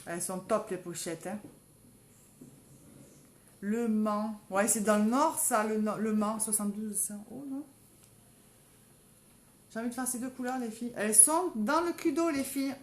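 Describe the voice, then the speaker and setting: This fairly high-pitched woman from the south of France speaks at a normal speed with long pauses as she runs a live makeup tutorial. She chats casually in her southern French accent and calls out to viewers constantly. An echoey room and faint ambient noise surround her.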